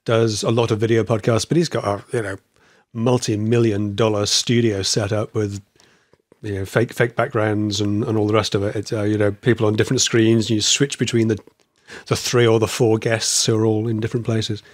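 A man in casual podcast chat as a host, with a slightly wheezy, croaky voice and a rambling, stop-start delivery. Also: on the low side, little pitch movement, brisk, dry recording, studio quality.

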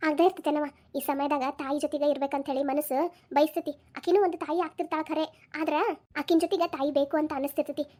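A woman's voice: high-pitched, little pitch movement, quick pace, a little mellow, lightly acted. A woman voicing an older mother who comforts her daughters with soothing, practical words, in a Dharwad Kannada accent. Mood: explaining. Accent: North Karnataka (Dharwad) Kannada.

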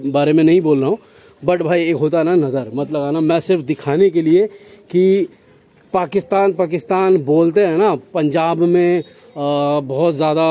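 A man's voice: fairly high pitch, warm tone. A man in his thirties with a Kolkata Hindi accent, giving a casual outdoor tour of his goat farm and talking straight to viewers as "brother", recorded on a phone. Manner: chatty, addresses viewers as brother, frequent tag questions. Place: outdoor farmyard with goats.

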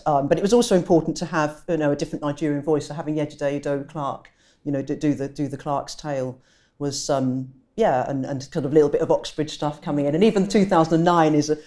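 A woman's voice: low-pitched, dark tone. A woman with an English accent, a poet talking thoughtfully in an interview and often correcting herself as she goes. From England. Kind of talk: conversational interview.

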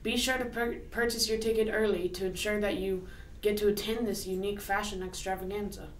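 A woman's voice: mid-range voice, steady tone, fairly quick. Woman reading earnest school announcements over the intercom, echoey and distant. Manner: earnest, occasional stumbles while reading. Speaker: school morning announcements co-host. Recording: echoey and distant with faint noise.

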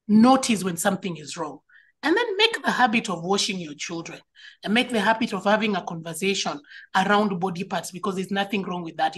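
A woman's voice: medium pitch, fairly bright tone, husky. A woman, speaking earnestly on a panel as a school educator and parent. She often repeats words as she stresses a point. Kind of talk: panel talk on child safety.

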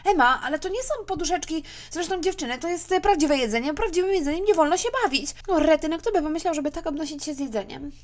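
A woman's voice: high voice, quick pace, few pauses, lightly acted. A woman voicing a curious, meddling mother who talks in a bubbly, confused way in a toy figure play. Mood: chatty.

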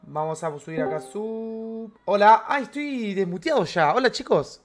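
A man's voice: sits high, animated, measured pace. A man with an Argentine accent chatting energetically with viewers during a live game stream, full of slang. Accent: Argentine Spanish.

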